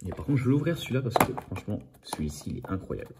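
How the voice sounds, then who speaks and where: A man's voice: fairly low pitch, big pitch swings, quick pace, very noisy. A man in a casual, rambling video chat about his toy car collection, often saying "voilà". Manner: apologises for his own accent.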